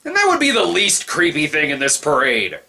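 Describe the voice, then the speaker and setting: A man giving crude, sarcastic comedic commentary on a film, mocking it in a deadpan way. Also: a little high, brisk, creaky, husky, faint music behind. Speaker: film reviewer.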